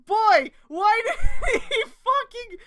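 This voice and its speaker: Her voice is very high, sing-song and extremely slow as this woman streamer mockingly dramatizes fan fiction. Casual, profane asides show her exasperation, and she often bursts into laughter and shouting.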